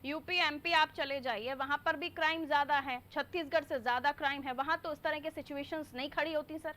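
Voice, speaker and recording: A woman anchoring a TV news interview, her voice high and bright. She keeps pushing her guest with sharp follow-up questions. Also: fairly even intonation, fairly quick. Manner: presses with pointed follow-up questions.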